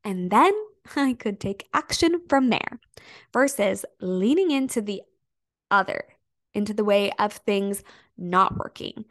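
A young woman hosts her own podcast, speaking straight to her listeners in a loose, emphatic way. Her voice carries a gravelly fry, and she sits at a middling pitch for a woman. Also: expressive, slow pace. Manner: casual, emphatic, peppered with "like" and mild swearing. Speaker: podcast host and business coach. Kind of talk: solo podcast monologue.

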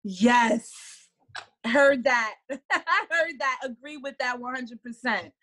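Bubbly high-voiced New York woman. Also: slow. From Harlem, New York. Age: late 20s. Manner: animated, laughs often, trails off. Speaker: guest, artist. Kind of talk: casual interview chat.

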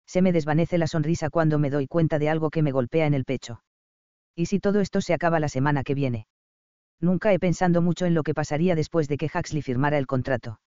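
A man calmly narrating an audiobook of a romance novel. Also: a little high, quick pace, smooth, no echo. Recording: dull, dry audiobook recording.

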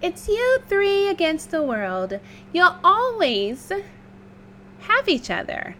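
A woman voicing a gentle, wise mother pig who speaks in a soothing, reassuring way. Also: very high-pitched, huge pitch swings, slow, a little hiss or hum, pitched above the performer's own voice, exaggerated voice. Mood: tender.

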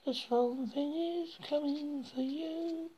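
A woman's voice: high-pitched, fairly even intonation, takes it slowly, noisy background. A woman playing a creepy, theatrical horror host who introduces old scary films in a spooky, menacing, whispery manner. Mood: playfully menacing.

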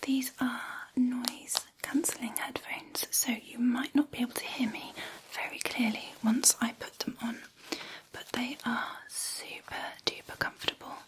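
Woman whispering soft and slow, asmr hearing test, fairly high voice. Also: level tone, poor audio. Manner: soft, slow, reassuring instructions. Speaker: ASMR roleplay hearing examiner.

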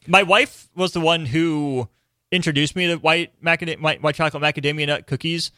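A man hosting a radio sports show, running a trivia game with quick, playful banter. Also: a little high, fairly even intonation, pushed and bright, dry recording, studio quality.

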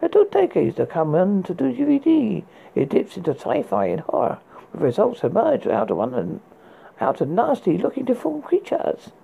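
A performer playing a spooky horror host, reading recommendations in a husky, gravelly voice with a halting, stumbling delivery. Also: mid-range voice, mellow, lo-fi sound, exaggerated voice. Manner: halting read with stumbles and repeated words. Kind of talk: scripted horror book and film recommendations read as a horror host.

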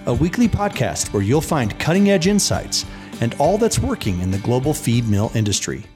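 A man reading a polished, upbeat scripted promo as the show's announcer. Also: medium pitch. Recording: soft guitar music underneath.

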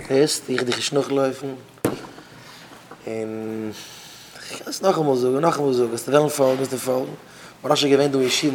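A man's voice: mid-range voice, slight background noise. Emphatic man preaching, phrases repeated. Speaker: rabbi giving a talk. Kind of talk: informal sermon to students.

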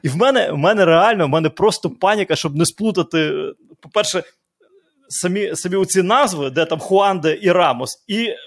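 A man's voice: high-pitched, fairly quick. A man who works as a football commentator, co-hosting a casual podcast chat, rambling and correcting himself as he talks.

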